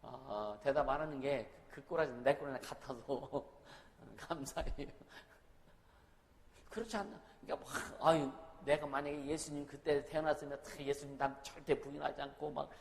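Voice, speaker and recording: A man's voice: medium pitch, steady tone, normal speed, gravelly. Man, pastor, sermon, conversational, asks the congregation questions, long hall reverb, faint background hiss. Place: church sanctuary.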